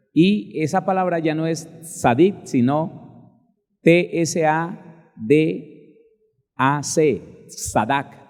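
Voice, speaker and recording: A male pastor preaching a sermon emphatically, spelling out words slowly and addressing listeners directly. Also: fairly high pitch, warm tone, in a large hall.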